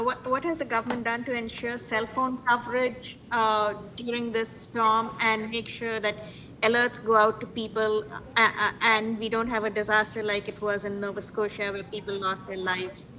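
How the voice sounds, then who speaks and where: Bright, high-voiced woman reporter, hesitant. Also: level tone, low-quality recording. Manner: hesitant, halting. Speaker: news reporter. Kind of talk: remote press questions. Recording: remote call with faint noise and rumble.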